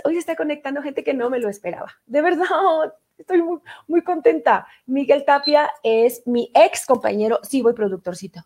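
A woman with a Mexican accent and a high, bright voice hosts a live online show. She talks casually and playfully, with lots of fillers along the way. She reads viewer comments aloud and answers them warmly. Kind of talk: casual live-stream chat.

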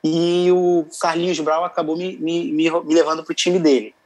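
A man's voice: on the high side, flat delivery, moderate pace, darkish tone, poor audio. A young man, a singer, telling stories casually as an interview guest, laughing often. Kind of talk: casual storytelling.

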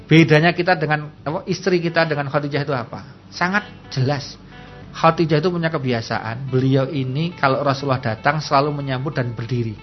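A man's voice: a little high, a little fast, dull audio, faint music behind. A man with a Javanese accent, a religious teacher giving a humorous talk on radio, telling stories and joking with listeners. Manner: lively storyteller, acts out quotes, jokes with the audience.

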